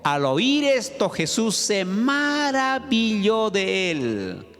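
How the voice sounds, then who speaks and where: A man's voice: high voice, sing-song, very slow, a bit bright. A man, the pastor, preaching a sermon with dramatic storytelling and questions to the congregation. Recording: long church-hall reverb, faint music.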